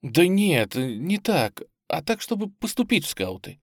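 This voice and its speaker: Storybook casting: a man playing a keen young pioneer boy, blunt and earnest, higher and lively. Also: a little slow, husky, dry recording, clean studio sound, heavily acted. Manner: lively, blunt slangy speech.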